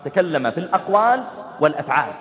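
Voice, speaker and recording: High-voiced, fast-talking preacher. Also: male voice. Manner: lively storytelling, acting out family dialogues, chanting verses. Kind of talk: sermon. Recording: dull, reverberant hall recording.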